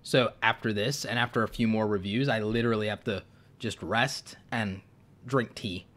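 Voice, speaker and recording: A YouTube creator runs a live stream of Q&A and channel reviews despite being ill, his voice fading. He speaks at a normal speed in a lowish, steady, slightly bright voice, offering blunt advice and filling his thinking-aloud with ums.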